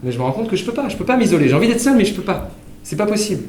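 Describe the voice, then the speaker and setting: A man's voice: high-pitched, big pitch swings, rapid-fire, darkish tone, slight background noise. A man comedian telling a story on stage, rambling and correcting himself as he goes. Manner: rambling, self-correcting narration. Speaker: comedian and singer. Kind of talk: storytelling stand-up with songs. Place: theatre stage in front of an audience. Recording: roomy live stage with guitar music.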